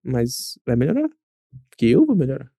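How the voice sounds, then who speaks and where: A young Brazilian man with a Brazilian Portuguese accent, a podcast guest talking in a relaxed, chatty, upbeat way. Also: medium pitch, moderate pace, vocal fry, no echo, studio quality. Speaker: guest, emergency medicine resident. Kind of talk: casual podcast chat.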